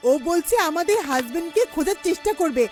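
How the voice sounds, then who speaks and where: A woman's voice: extremely high pitch, animated, quick pace. A woman playing a bossy, angry wife in a cartoon dub. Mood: angry, demanding. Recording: music behind the voice.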